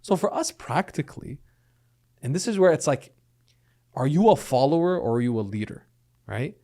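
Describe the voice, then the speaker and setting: This time the middle-aged podcast guest, raised in Lebanon and the United States, sounds a little high and sing-song, mellow, at a normal speed. He earnestly works through his points, checking in often with "right?".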